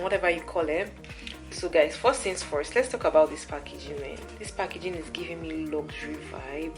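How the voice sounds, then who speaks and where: Lower-pitched woman vlogging casually. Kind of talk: casual chat to viewers.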